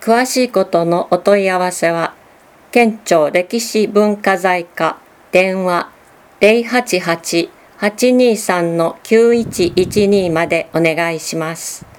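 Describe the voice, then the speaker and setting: A woman reads public notices at a slow, deliberate pace in a low-pitched voice. She spells out phone numbers and web addresses with careful precision. Faint noise sits behind her. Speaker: announcer. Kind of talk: public information announcement.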